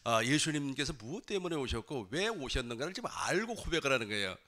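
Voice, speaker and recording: A male pastor preaching a sermon in a church, emphatic and acting out loud pleading cries. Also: medium pitch, very animated, fast talker. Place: church sanctuary.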